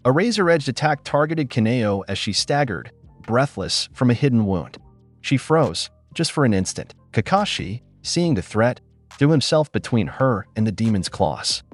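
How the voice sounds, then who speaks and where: A man's voice: medium pitch, big pitch swings, moderate pace, dry recording, soft background music. A man narrating a scripted action story in a dramatic storytelling manner.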